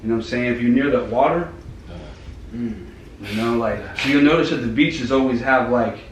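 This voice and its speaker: A young man from Florida leads a casual podcast chat with an easy, laid-back curiosity and quick laughs. He sits back from the mic, so a strongly echoing room carries his voice. Faint noise hums underneath. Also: mid-range voice, recorded from a distance. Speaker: podcast host.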